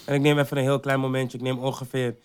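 A man interviewing a guest in a casual chat, relaxed and quick to laugh along. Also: mid-range voice, clean tone.

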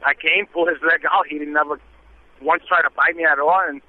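Brief: male caller on a clipped, thin phone line, higher-pitched, easygoing and halting. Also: dry recording. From Brooklyn, New York. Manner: relaxed, many "uh" pauses. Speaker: radio call-in caller. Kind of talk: casual call-in storytelling. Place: in a vehicle on the highway.

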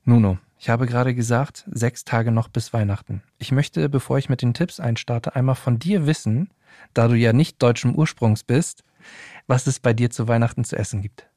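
A man's voice: medium pitch, normal speed, warm tone, no echo, studio quality. A man hosting a podcast, chatting in a friendly way and speaking straight to his listeners. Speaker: podcast host. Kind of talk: casual podcast interview.

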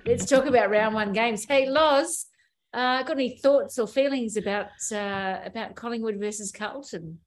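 Australian woman, podcast host, brisk, moves the panel along. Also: a little high, faint music behind. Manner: brisk, steering the talk with questions. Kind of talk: hosting a sports podcast.

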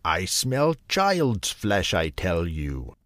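A man voicing a greedy, menacing male ogre in a storybook reading, drawing out his words slowly. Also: low voice, huge pitch swings, a bit bright, no room sound, studio quality, heavily acted.

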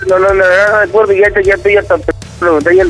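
A man's voice: high voice, little pitch movement, fast talker, faint music behind. A man with a Mexican accent on a phone call, defensive and pleading, repeating his denials. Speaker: prank call target.

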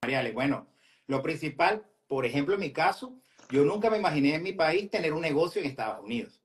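A man speaking earnestly as a guest in a live interview, steady and motivational. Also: fairly high pitch, fairly quick. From Venezuela. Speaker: guest entrepreneur.

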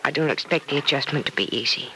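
An actress playing a grieving young woman who speaks in a sorrowful, earnest, measured way, in 1940s radio acting style. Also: low-pitched, noisy background, natural voice.

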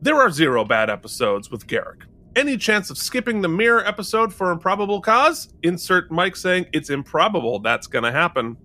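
Lively, bright-voiced jokey man. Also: high-pitched, a little fast. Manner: animated and jokey, laughing often. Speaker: podcast co-host. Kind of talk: casual chat.

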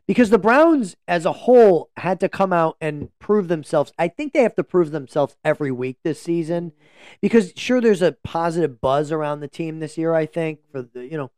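A man's voice: a little high, darkish tone, smooth, no echo, clean studio sound. A man co-hosting a casual sports podcast, talking through games in a meandering, joking way into a podcast microphone. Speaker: podcast co-host.

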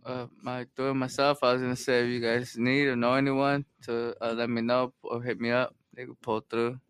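A man's voice: mid-range voice, level tone, moderate pace, fairly bright tone, clear, resonant tone, dry recording. A man chatting casually in laid-back street slang. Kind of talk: casual group chat.

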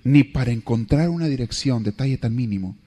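A man's voice: medium pitch, brisk, warm tone, slight background noise, voice pushed down, natural voice. A man voicing an adult husband grumbling to himself about feeling doubted.

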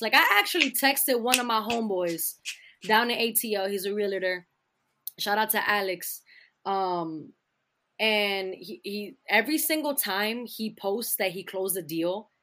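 A woman's voice: medium pitch, a bit bright. A woman podcast co-host, chatting casually and slangily with bits of Spanish. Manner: slangy, sprinkles in Spanish phrases. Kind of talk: casual chat.

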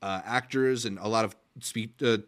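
A man co-hosting a casual movie news podcast, explaining things in a measured way. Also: on the low side, steady tone. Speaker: podcast co-host.

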